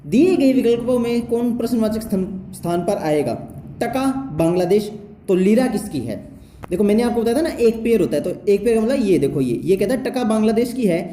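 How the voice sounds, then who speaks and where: A man's voice: high-pitched, expressive, fairly quick, dark tone. A man teaching reasoning for exams at a whiteboard. He works through each step and keeps checking that the viewer is following. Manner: step-by-step explaining, keeps checking with "theek hai". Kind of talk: whiteboard exam-prep lesson. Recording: echoey room with faint noise.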